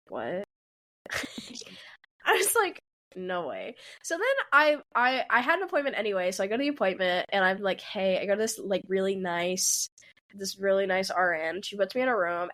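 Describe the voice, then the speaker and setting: This podcast co-host, a woman in her twenties, has a medium-pitched, slightly bright voice. In a casual chat she tells a meandering story, laughing and voicing what others said.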